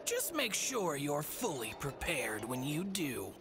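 A woman's voice: low-pitched, very animated, takes it slowly, music in the background, full character voice. A woman voicing a smug, mischievous stuffed rabbit creature in an anime video game, theatrical and teasing. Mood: sly, composed. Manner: theatrical, teasing, riddling rhymes.

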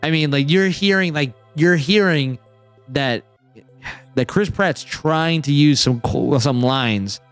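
A man hosting a casual roundtable chat, rambling and excitable, full of filler words. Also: fairly high pitch, slow, clear, resonant tone, soft background music. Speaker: podcast host.

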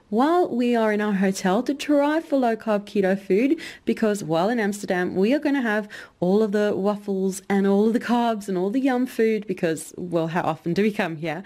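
A woman's voice: mid-range voice, darkish tone. A middle-aged woman vlogger chatting enthusiastically as she shows off her food finds. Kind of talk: casual vlog narration. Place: hotel room.

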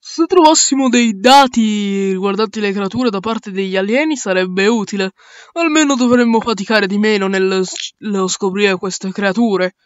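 A man voicing a male space crew captain in an amateur audio drama, giving orders and reasoning aloud with pauses. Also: high-pitched, smooth, no echo, lo-fi sound, close to an everyday voice. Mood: calm, commanding.

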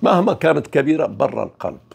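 A man gives an informal spiritual talk in a gravelly, husky voice. His pitch rises and falls widely, and he moves from loud emphasis down to near-whispers. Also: very animated, fast talker. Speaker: spiritual teacher.

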